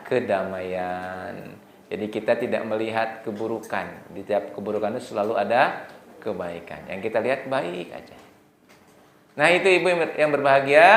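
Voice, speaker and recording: A man's voice: mid-range voice, reverberant, slight background noise. A man preaching to a gathering of mothers. He keeps asking the audience questions and answers them himself. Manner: acts out tearful prayers in a soft, hushed voice. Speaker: preacher at a mothers' study circle. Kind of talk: religious lecture to women.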